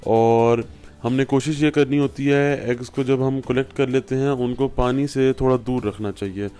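Man, from Pakistan, hands-on tutorial host; clear rounded tone, steady mid pitch, faint music bed. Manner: patient step-by-step explaining. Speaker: farming instructor. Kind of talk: home how-to tutorial. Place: indoors at a work table.

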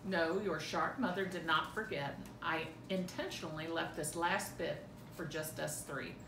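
A middle-aged woman reads a mother's part in a family script read-through at home, dramatic yet fairly even in intonation and unhurried. The camera sits a few feet away, picking up a roomy echo and a clear low rumble.

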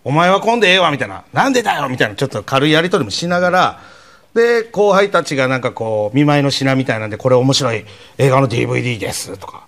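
Man, fast talk, lively pitch. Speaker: comedian telling a story. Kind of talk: comic storytelling.

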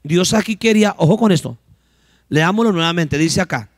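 A man preaching from the pulpit, in a voice that sits somewhat high for a man. He keeps asking the congregation questions and answering them himself, and he acts out short exchanges between characters. The sound is dry and close, with no room echo. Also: moderate pace. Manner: preaches with call-and-response questions, acting out little dialogues. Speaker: pastor. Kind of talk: sermon.

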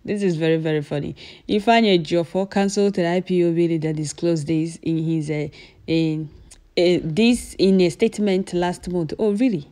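A woman's voice: fairly low pitch, steady tone, moderate pace, dark tone. A Nigerian woman giving emphatic, repetitive news commentary as an activist over event footage.

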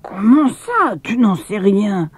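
A woman voicing an excitable old woman servant with piercing, dramatic cries in a storybook. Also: mid-range voice, slow pace, slightly rough, no echo, voice pushed up, heavily acted. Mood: nosy.

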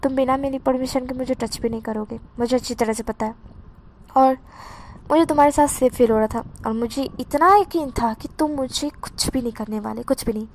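A woman's voice: high voice, fairly quick, a little mellow, a little hiss or hum. Shy, trusting young man, read by a woman; hesitant, a bit stammering, light tone.

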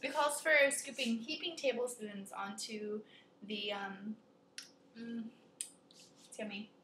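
A woman's voice: mid-range voice, slow pace. A woman chatting casually as she hosts a home baking video, rambling in a giggly, tipsy drunk way in a kitchen. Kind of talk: casual chat while cooking. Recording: echoey room with clear background noise.

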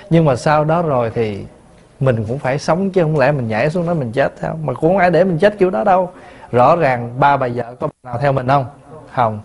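Monk giving a dharma talk. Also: male voice, on the high side, expressive, normal speed. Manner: storytelling, asks the listeners questions, chuckles. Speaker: Buddhist monk teacher.

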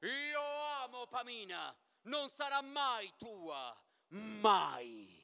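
Monostatos, as a man puts him on, loud and blustering. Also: high voice, very animated, drawn-out words, gravelly, exaggerated voice. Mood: hostile. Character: giant male guard captain, jealous and hostile.

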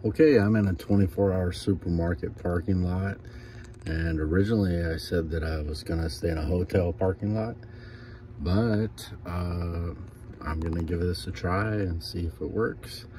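A middle-aged Californian man with an American accent and a deep, warm voice narrates a casual vlog to camera at a moderate pace, explaining things plainly and repetitively. He's filming on a phone held at arm's length in a camper van and parking lots, so the handheld audio is noisy with vehicle and outdoor sounds.

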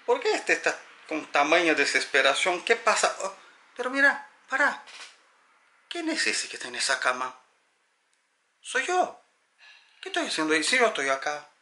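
A man voicing a pleading high-pitched spirit. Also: very animated, moderate pace, long pauses, pushed and bright, a little hiss or hum, exaggerated voice. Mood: bewildered. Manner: urgent, pleading, raised high voice. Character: newly dead person's spirit, anxious and pleading.

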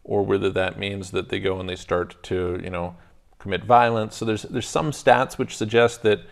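On a studio lounge set furnished with armchairs, a man in his thirties co-hosts a podcast, thinking through a casual debate in careful steps with many restarts. Wearing a lapel mic, he speaks at a moderate pace in a steady, lowish voice with vocal fry.

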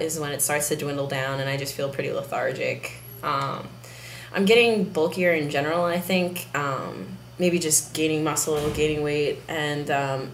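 A young man talking candidly to camera in a casual video diary, unhurried and soft-spoken. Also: on the high side. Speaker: vlogger. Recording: roomy with faint background hiss.

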